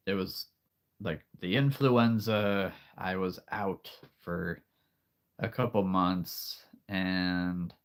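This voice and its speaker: Relaxed and chatty, this man hosts a live stream with a very deep, soothing storyteller's voice. His calm delivery rambles, with frequent restarts and soft laughs, and allergies make him clear his throat often.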